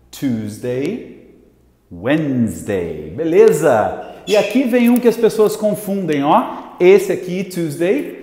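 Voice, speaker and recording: A man teaching an English lesson to camera, energetic and slowing down to model each word. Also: fairly high pitch. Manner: lively, slows down to model English words. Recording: echoey room with long reverb.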